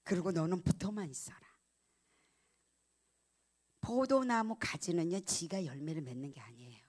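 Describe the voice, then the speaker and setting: Telling a personal story with feeling, a middle-aged female pastor preaches in a fairly low, animated voice at a moderate pace. She shifts between loud emphasis and quiet, nearly whispered moments.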